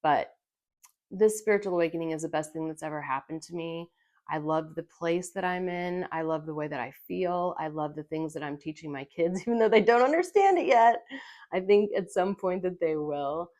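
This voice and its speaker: A middle-aged woman with a low voice shares a personal story on camera. She speaks earnestly and with feeling, often pausing, restarting and repeating words as she goes. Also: fairly even intonation, a little mellow. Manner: emotional, earnest, halting with fillers and repetitions. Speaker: vlogger.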